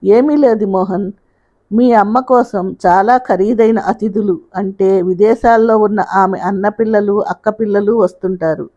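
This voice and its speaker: A defiant young wife talks back to her in-laws without softening a word, as a woman reading a story puts her on. The voice sits at a medium pitch. The sound is muffled and lo-fi. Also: a little slow, close to an everyday voice. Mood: firm. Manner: blunt, cutting. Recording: dull lo-fi sound.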